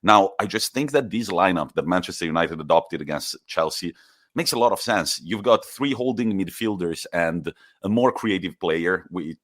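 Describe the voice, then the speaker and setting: A man's voice: deep voice, animated, moderate pace, fairly bright tone, no room sound, clean studio sound. A man co-hosting a casual football podcast, chatty and asking his partner questions. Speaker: podcast co-host.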